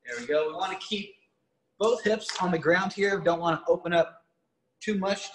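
A young fitness coach with a high, slightly bright voice leads an online workout class from a large indoor gym with rigs, giving upbeat, encouraging stretching cues. Captured by a far camera mic, the room sounds echoey, with a little hiss or hum.

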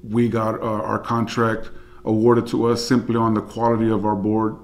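Man, 40s, low and even delivery, measured and reflective; interview in an office. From United States. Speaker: senior supervisor. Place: office with flag and plant.

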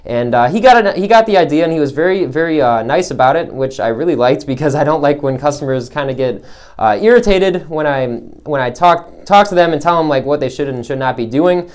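Speaking a bit quickly in an animated, higher-pitched voice, a young gun store salesman rambles through casual vlog talk for his viewers. He uses lots of fillers and keeps restarting his sentences.

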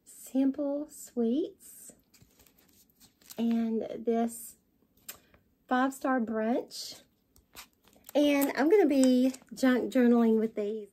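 High-voiced Southern woman gushing over a haul. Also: drawn-out words, long pauses. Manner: gushing, excited, showing items to camera. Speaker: vlogger. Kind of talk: haul video chat. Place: home dining room, indoors.

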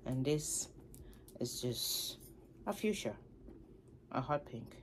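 A woman vlogging from her home, chatting casually to camera about her handbags in an animated, playful way. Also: rumbling low, slow pace, a little hiss or hum. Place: her home, upstairs room.

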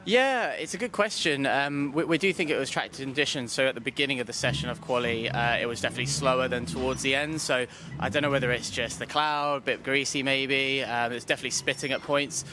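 Inside a paddock awning tent, an amateur racing driver in his thirties chats casually in an interview, talking fast into a handheld microphone. His voice is mid-range, and music plays underneath.

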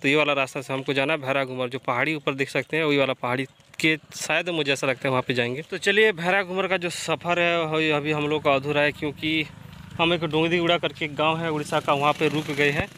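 A young man with a high, light voice gives running commentary while riding a motorbike down country roads. He talks casually and keeps checking in with his viewers, calling them brother. Steady road and engine noise fills the outdoor recording. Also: fairly quick. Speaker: motorbike travel vlogger.

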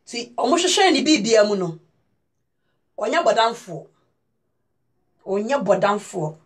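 A woman's voice: medium pitch, sing-song, takes it slowly, slightly rough. A woman from Ghana giving casual, emphatic news commentary and speaking directly to her viewers as a vlogger.

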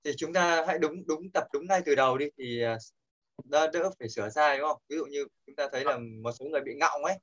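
A man's voice: on the high side, fast, fairly bright tone. Man teaching online. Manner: patient, corrective, repeats key points. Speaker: English pronunciation teacher. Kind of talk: online class instruction. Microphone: video call. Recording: dull lo-fi call audio.

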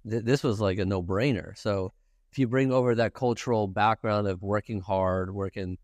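A man in his forties from Ukraine, a native Russian speaker, answers questions earnestly as a guest on a casual podcast interview set in a bright office with a lounge area. His voice sits fairly low, with a steady, slightly dark tone and a normal pace. The recording is clean studio sound with no echo.

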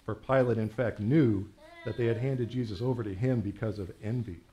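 A man giving a measured, reverent scripture reading in church. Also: lowish voice, fairly even intonation, dark tone. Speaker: scripture reader.

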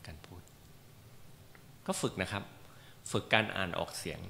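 A man's voice: low-pitched, measured pace, gravelly, pushed and bright. A man teaching a class about leading meditation, talking casually and joking, with many fillers. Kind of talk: informal lecture to a class. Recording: roomy hall reverb, faint background noise.

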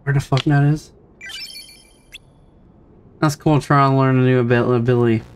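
A man's voice: medium pitch, steady tone, normal speed, soft background music. A man casually commenting on a video game as he plays, easily frustrated and swearing often. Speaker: let's play gamer.

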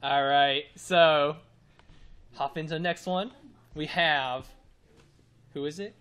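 A man's voice: a little high, fairly even intonation, slow, fairly bright tone, clear, resonant tone. A man co-hosting a game livestream, joking playfully while he runs the game. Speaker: livestream co-host. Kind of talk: casual game showcase banter.

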